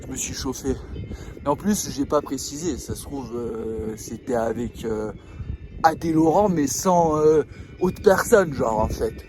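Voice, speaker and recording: A man's voice: mid-range voice, a little slow, noisy background. A man vlogging casually outdoors, joking and swearing in loose slang as he talks to the camera. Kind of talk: casual outdoor vlog chat. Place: outdoors on a mountainside.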